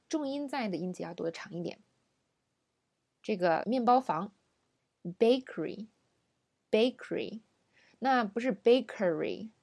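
A young adult woman teaching English pronunciation in a recorded audio lesson, slowing down sharply to model each word. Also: medium pitch, creaky, darkish tone. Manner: slows right down to model English words.

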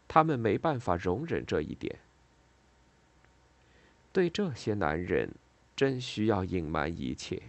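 Male narrator, audiobook reading, lively intonation, dry close sound. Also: fairly low pitch, no room sound.

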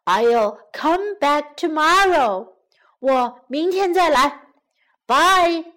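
Brief: a woman as a naive lion in love, slow and earnest, a fairly high voice for a storybook beast. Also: lively intonation, a bit bright, full character voice. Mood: pleading. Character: lovestruck male lion, eager and naive.

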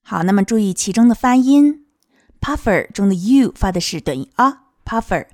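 A woman teaching English pronunciation of a children's song, modeling each sound slowly and clearly. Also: medium pitch, animated, darkish tone, dry recording, studio quality. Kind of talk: explaining song lyrics and pronunciation.

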